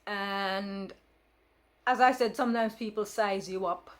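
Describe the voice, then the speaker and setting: This is a casual, rambling story told to camera by a vlogger in her fifties who grew up speaking Jamaican Patois. She uses many fillers and restarts and keeps a frank, firm edge. Her mid-range voice has fairly even intonation at a measured pace.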